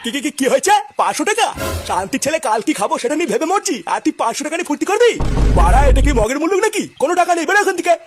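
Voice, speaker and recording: A performer voicing a hot-tempered old grandfather in a cartoon, who dotes on his grandson and scolds fast and loudly. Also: sits high, big pitch swings, music in the background. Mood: angry. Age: older.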